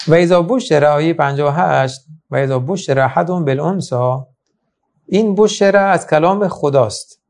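A man's voice: fairly high pitch, vocal fry, darkish tone. A man teaching a Quran lesson in an emphatic manner, with many rhetorical questions. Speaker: religious teacher. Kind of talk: Quran lecture.

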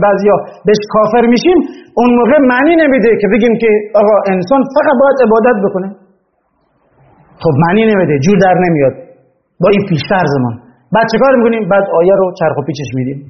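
A man giving a religious lecture, arguing with rising emphasis as he presses each point. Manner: impassioned, rising in pitch when stressing points. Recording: dull lo-fi recording with faint noise.

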